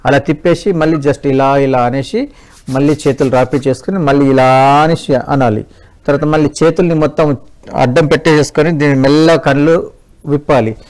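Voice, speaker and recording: A man, a doctor on a phone-in health show, patiently explaining remedies step by step to callers. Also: on the high side. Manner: patient, step-by-step instructing, calls callers mother. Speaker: doctor giving advice to callers.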